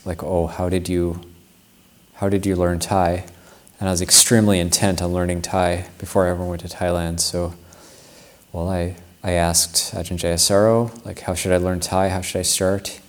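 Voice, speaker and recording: A male Buddhist monk gives a Dharma talk, telling a personal story in a reflective, unhurried way. His voice sits low and his delivery is flat, with frequent restarts.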